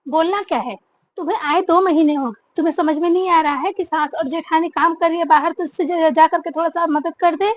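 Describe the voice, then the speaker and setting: A woman playing a scolding high-voiced mother-in-law. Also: fairly even intonation, brisk, no echo. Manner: commanding, scolding. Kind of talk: family drama acting.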